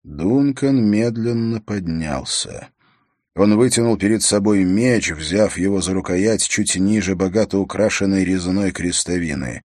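Low-voiced male audiobook narrator. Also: a little slow, darkish tone, no echo, clean studio sound.

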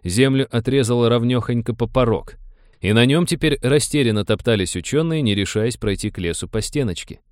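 A man narrating an audiobook in a steady, wry storytelling manner. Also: mid-range voice, a little fast, dry recording, studio quality.

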